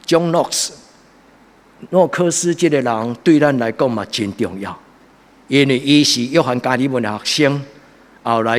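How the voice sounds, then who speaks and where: A man from Taiwan preaching a church sermon with a Taiwanese Hokkien accent, earnest and exhorting in his delivery. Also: medium pitch. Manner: earnest, exhorting, swelling into loud emphatic passages. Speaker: pastor preaching a Sunday sermon. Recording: echoey hall with long reverb.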